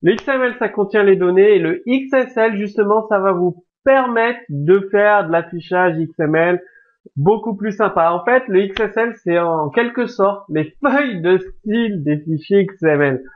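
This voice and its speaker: High-voiced man with a tinny sound. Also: moderate pace. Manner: casual explaining with filler words and restarts. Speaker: programming tutorial host. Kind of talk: screen-recorded coding lesson.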